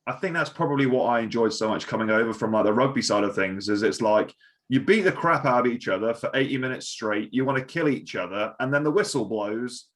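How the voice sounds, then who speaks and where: A man's voice: mid-range voice, a little fast. A male podcast host from the UK asking loose, rambling questions and laughing along with his guest. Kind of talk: casual podcast chat.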